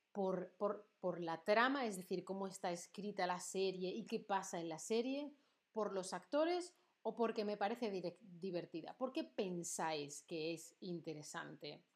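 Lively in intonation but measured in pace, her medium-pitched voice is a little mellow. The young woman, from Andalusia in southern Spain, speaks a neutral standard accent during a live-stream Spanish lesson, chatting, questioning viewers and reading out the chat.

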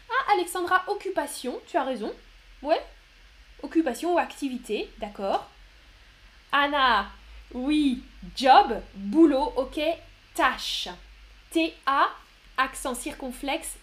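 A young woman teaching a live online vocabulary lesson, reading out students' chat answers and explaining them. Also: a little high. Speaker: French teacher.

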